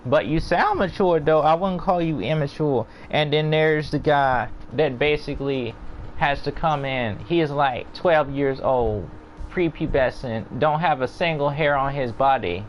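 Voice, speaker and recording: A man's voice: a little high, unhurried, muffled recording, slight background noise. A man with a Louisiana accent, chatting casually with gaming friends and rambling through joking stories. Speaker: gamer. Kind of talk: casual chat.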